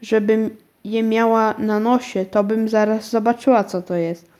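A woman voicing a chatty, forgetful elderly aunt in a children's storybook reading, talking slowly and dreamily. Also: fairly high pitch, level tone, mellow, lightly acted. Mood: puzzled, coaxing. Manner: slow, dreamy and coaxing.

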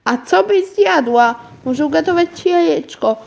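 A woman's voice: very high-pitched, expressive, measured pace, gravelly, pitched above the performer's own voice, heavily acted. A woman reading a storybook aloud, voicing a fussy, bewildered elderly aunt who asks flustered questions. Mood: relieved.

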